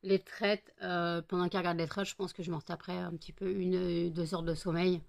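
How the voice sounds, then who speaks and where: A woman's voice: fairly low pitch, flat delivery, brisk, vocal fry. A French woman vlogging at home, tired and sleepy, chatting casually and talking baby-talk to her dogs.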